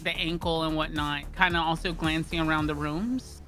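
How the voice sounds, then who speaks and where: A woman's voice: deep voice, fairly even intonation, moderate pace, loud music behind the voice. Hesitant woman player describing actions. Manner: hesitant, filler-heavy. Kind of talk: describing her character's actions.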